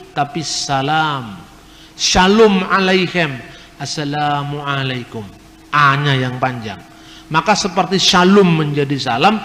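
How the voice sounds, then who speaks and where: A man delivers a lively teaching lecture in a slightly high voice. His words ring out with a long reverb, as if spoken in a large hall. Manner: lively, explanatory, imitates regional pronunciations. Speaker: religious speaker.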